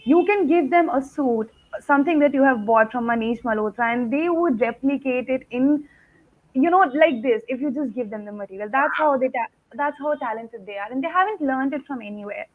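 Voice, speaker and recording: A woman's voice: high-pitched, fairly quick. A woman, speaking earnestly and emphatically as a guest over a bad video call connection. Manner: earnest, emphatic, repeats "absolutely". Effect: tinny, phone-like sound over a bad video call connection. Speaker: guest, foundation founder. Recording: tinny, lo-fi video call line.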